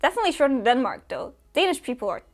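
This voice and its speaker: A woman's voice: sits high, very animated, very fast. A young woman from Romania chatting casually as a booktuber answering viewer questions, with lots of fillers and small laughs. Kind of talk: casual chat.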